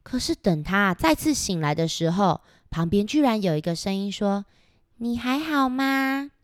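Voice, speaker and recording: A woman's voice: mid-range voice, moderate pace, no room sound. Woman reading a storybook to little kids, asks them stuff, dry close sound. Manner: animated, questions the children. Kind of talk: picture-book read-aloud to children.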